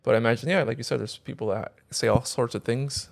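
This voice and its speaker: A man's voice: medium pitch, fairly even intonation, quick pace, gravelly. A man chatting casually in a hesitant, agreeable way, feeling out his phrasing as he goes. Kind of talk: casual chat.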